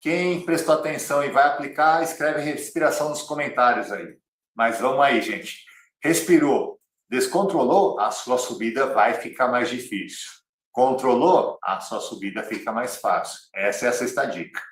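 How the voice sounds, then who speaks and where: A man's voice: mid-range voice, normal speed. Brazilian male cycling coach, direct repetitive teaching, echoey room, mic a bit far off. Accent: Brazilian Portuguese. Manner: direct, coaching tone, repeats key phrases. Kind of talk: online cycling lesson. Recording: roomy, slightly distant mic.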